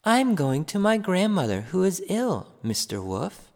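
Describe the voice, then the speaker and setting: Man doing a sweet little storybook girl, polite, raised lilting voice, slow, echoey reverb. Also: high voice, wildly swooping pitch, pitched above the performer's own voice, exaggerated voice. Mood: innocent. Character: sweet innocent little girl in red cloak.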